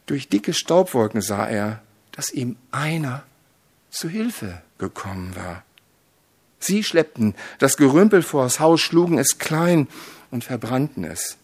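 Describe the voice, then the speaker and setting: A male preacher delivers a sermon at a slow, deliberate pace. His voice is a little husky and sits in a mid register. He moves between hushed solemnity and loud, dramatic emphasis. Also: medium pitch, sing-song. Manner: slow, solemn, with dramatic swells when telling a story.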